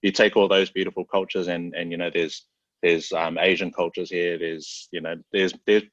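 A relaxed New Zealand man with a very low voice, talking easily as a podcast guest. He is loose and slangy and keeps saying "bro". The recording sounds dry and a bit dull. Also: moderate pace, no echo. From South Auckland, New Zealand. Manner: laid-back, slangy, peppers every phrase with "bro". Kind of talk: casual chat.

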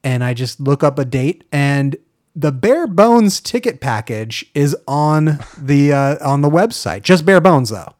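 A man's voice: a little high, animated, a little mellow, dry recording, studio quality. Chatty man rambling on a podcast. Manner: rambling, trails off with blah blah, quick laughs. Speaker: podcast co-host. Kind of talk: casual chat.

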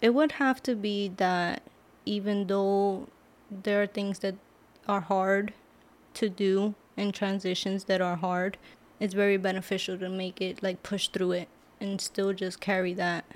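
A woman's voice: medium pitch, little pitch movement, measured pace. A young adult woman from Brooklyn, a podcast guest talking casually with many "like" fillers. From Brooklyn, New York. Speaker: guest, author and medical assistant. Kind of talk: casual interview. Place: podcast studio.

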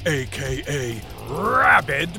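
A man voicing a gleefully menacing Halloween ghoul, a gravelly jack-o'-lantern style horror host giving a theatrical, drawn-out, booming scripted introduction. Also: big pitch swings, exaggerated voice. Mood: sinister welcome. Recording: loud music under the voice.

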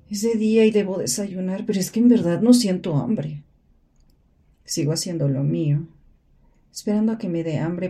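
A woman's voice: fairly low pitch, natural voice. A woman voicing the murmured inner monologue of a drowsy, self-blaming young woman caught in depression. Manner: soft, murmured, sleepy delivery.

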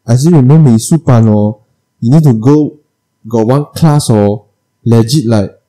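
A man's voice: mid-range voice, normal speed, warm tone, rough recording. A young man with a Malaysian Chinese accent in a casual chat, speaking colloquial English mixed with Mandarin and tagged with particles. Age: young adult.

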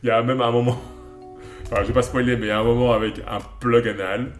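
A man's voice: mid-range voice, level tone, fast talker, echoey room, faint music behind. A man co-hosting a casual chat, recommending songs and films with enthusiasm, rambling through lots of fillers and restarts. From Belgium. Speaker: podcast co-host.

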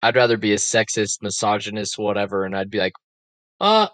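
A man's voice: lowish voice, level tone, fast, fairly bright tone, no room sound. A man on a podcast, chatting in a laid-back way with dry jokes. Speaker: podcast co-host. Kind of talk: casual chat.

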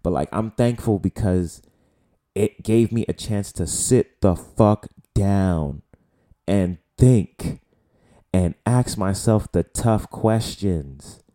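A warm, lowish voice belongs to a Bronx-born man in his late twenties who hosts a solo podcast. Speaking slowly with a New York accent, he keeps the talk casual, loose, and profane, rambling with plenty of fillers.

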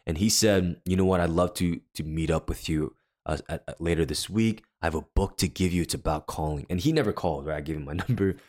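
A man with a deep voice, who co-hosts a podcast and leads worship, tells a personal story in casual conversation, wandering along with lots of fillers and restarts. He talks fast with few pauses, and his tone is on the dark side.

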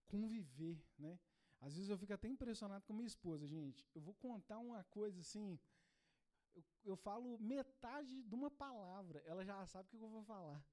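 A man's voice: high-pitched, warm tone. A man in his thirties from Brazil, a pastor giving a conversational sermon at a Sunday church service, telling stories from his own life. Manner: conversational, tells personal stories, frequent "né?".

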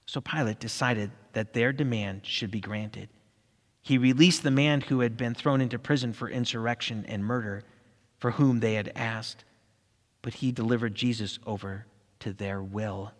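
Brief: male scripture reader, mid-pitched, earnest and steady, long hall echo. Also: moderate pace. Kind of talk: reading scripture aloud.

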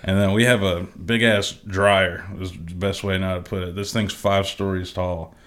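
A fairly low-voiced young man in his twenties, talking as a podcast co-host. His chat is laid-back and full of swearing, with frequent laughter between lines. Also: little pitch movement, normal speed, a bit bright. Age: 20s. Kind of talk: casual chat.

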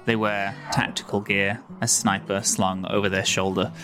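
A man narrating a tabletop role-playing game as game master, slowly describing scenes. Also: on the low side, level tone, fairly bright tone, faint music behind.

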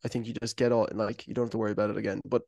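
A man's voice: fairly low pitch, level tone, rapid-fire, gravelly, darkish tone, no echo. A man co-hosting a golf podcast, laying out ideas in a thoughtful, slightly hesitant casual chat. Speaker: podcast co-host.

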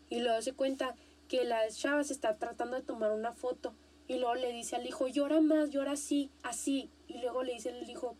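A young Mexican woman chats casually on her podcast, high-pitched yet with a mellow, darkish tone. She talks in an animated, slangy way, often repeating a point for emphasis. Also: slight background noise. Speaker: podcast host.

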